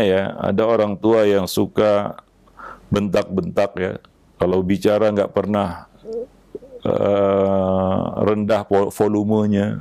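Man, Indonesian accent, preacher, gravelly low voice, measured lecture, dry close sound. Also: darkish tone, dry recording. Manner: unhurried, measured, frequent filler "ya" between phrases. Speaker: Islamic preacher. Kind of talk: religious lecture on parenting.

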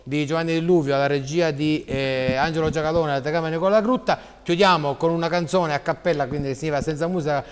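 A man hosts a live TV sports show in a casual style. His voice sits fairly high and, with the long echo of a studio around it. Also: fairly even intonation, fast talker, few pauses, clear, resonant tone. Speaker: sports talk show host. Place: TV studio with hard reverberant acoustics. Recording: echoey studio hall sound.

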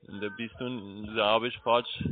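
A man cold caller speaking quiet, broken German. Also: on the low side, level tone, takes it slowly. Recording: tinny phone line, far from the mic.

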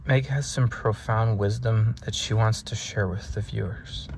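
A man's voice: lowish voice, steady tone, a little slow, creaky, noisy background. A man chatting playfully in a casual video, recorded inside a parked car. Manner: playful, joking. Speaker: vlogger. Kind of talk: casual chat.

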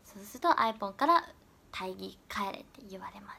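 A young woman, an idol trainee, chatting casually on a livestream and answering viewer comments, often dropping into soft whispers. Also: mid-range voice, expressive, fast talker, gravelly. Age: young adult.

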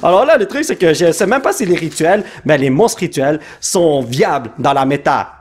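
A man, giving excitable, casual commentary while opening trading cards, reading out card names and dropping English exclamations. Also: a little high, normal speed.

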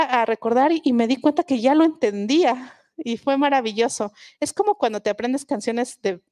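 This guest linguist, a Mixe native speaker from Oaxaca, Mexico, addresses a book festival audience in a reflective, explanatory way with frequent restarts. Her pitch leans high and a little mellow, and the close recording is dry with no echo.

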